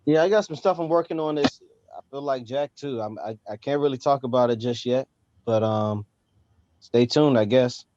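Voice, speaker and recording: A man's voice: medium pitch, normal speed, a little mellow. A man talking bluntly and briefly on a casual basketball podcast. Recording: dry, dull lo-fi audio.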